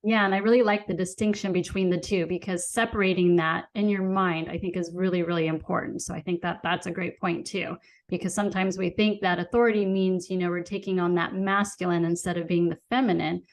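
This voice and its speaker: A woman hosts a podcast interview and keeps the talk conversational, affirming her guest's points. Her voice sits a little low for a woman. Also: steady tone, brisk. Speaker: podcast host.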